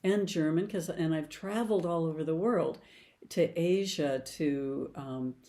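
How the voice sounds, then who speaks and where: An older woman, a past life regression therapist, talks a little slowly in a low-pitched, dark voice. Her explanation is casual and story-driven, drawing on anecdotes from clients.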